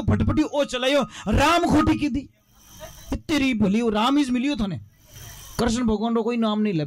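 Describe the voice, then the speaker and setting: High-voiced folksy Rajasthani preacher. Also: male voice. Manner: folksy and humorous, switching into local dialect for characters. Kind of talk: storytelling sermon.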